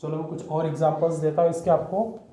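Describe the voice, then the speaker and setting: A man's voice: fairly high pitch, flat delivery, fast talker, dark tone. A man teaching grammar to students, patiently quizzing them and checking in with "okay?" after each step. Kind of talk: explaining English grammar to students. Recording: echoey room, dull lo-fi sound.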